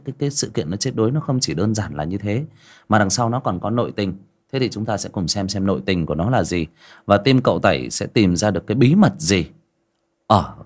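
A man narrating a village ghost story on a livestream, pausing and repeating words as he goes. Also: lowish voice. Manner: hesitant, repeats words and restarts.

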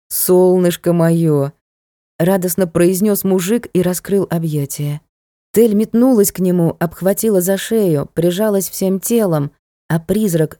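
A woman narrates a story at an even, steady pace. Her voice sits low and mellow. The recording is dry and close, with no room sound. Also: no room sound. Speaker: audiobook narrator. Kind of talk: audiobook narration.

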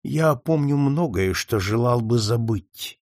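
A man's voice: fairly high pitch, animated, moderate pace, no echo, studio quality, voice pushed up. A man reading a hot-tempered young fiancé. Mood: indignant. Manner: stern, heated.

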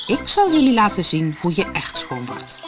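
A woman's voice: mid-range voice, wildly swooping pitch, normal speed, over music. A woman voicing a prim, clucking hen in a storybook.

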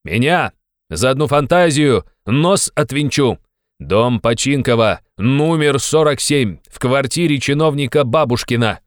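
A man voicing a hot-tempered, blustering young male friend who shouts and scolds. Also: medium pitch, expressive, measured pace, no echo, clean studio sound, voice pushed up, lightly acted. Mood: blustering scolding.

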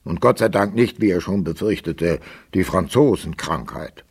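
A man's voice: sits low, lively intonation, normal speed, gravelly, breathy edge. A man narrating a German literary radio play as a scripted storyteller.

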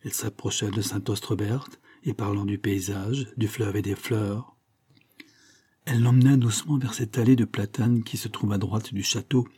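A man narrates a classic novel as an audiobook. His reading is steady and measured. The voice sits low, with a dark, husky tone.

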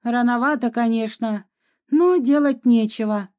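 A woman voicing a polite, calm male ghost doctor who speaks in a courteous, measured way. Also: a little high, natural voice.

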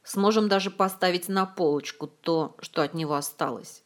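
Woman reading a grumpy blunt prince guy, flat and low-ish. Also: normal speed, lightly acted. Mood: gloomy. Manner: gloomy and blunt. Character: gloomy, blunt male royal bastard prince.

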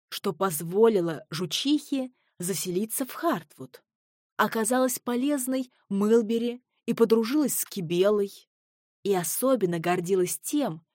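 A woman narrating a children's storybook in a calm, even reading voice. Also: medium pitch, no echo, studio quality. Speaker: audiobook narrator.

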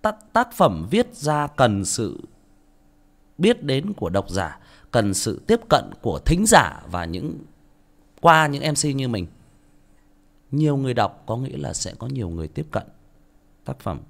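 Blunt Northern Vietnamese man, lively pitch. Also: measured pace, vocal fry, long pauses. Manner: blunt, outspoken, self-mocking. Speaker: audiobook narrator. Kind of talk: casual monologue to listeners.

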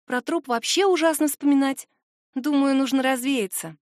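A woman reading the lines of a gentle, hopeful young female mage who is a friend. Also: high-pitched, moderate pace, no echo, clean studio sound, voice pushed up, close to an everyday voice. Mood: gentle, cheerful.

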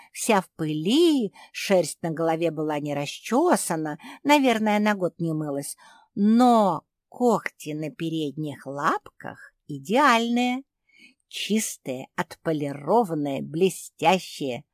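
A sharp, observant young female animal, played by a woman in a storybook. She lays out what she noticed in a curt, matter-of-fact way. The voice is close and dry. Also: sits low, lively intonation, slow, no echo.

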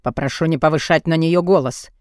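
A woman voicing a protective young male warlock who speaks in a firm, calm manner, low and dry. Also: fairly quick, no echo, close to an everyday voice.

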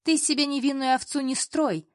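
A woman voicing a jealous young female colleague who is shrill and picks fights. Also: brisk, no room sound, clean studio sound, close to an everyday voice. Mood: furious. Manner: shrill, scandal-making.

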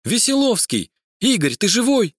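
A man's voice: big pitch swings, normal speed, no room sound, clean studio sound. A man voicing Galina, a frightened, caring young woman translator, in a crime audiobook. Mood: alarmed. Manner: high, urgent cries.

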